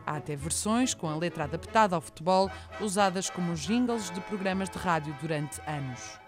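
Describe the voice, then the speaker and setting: A woman's voice: fairly low pitch, normal speed, music in the background. A woman with a European Portuguese accent, presenting a scripted documentary feature.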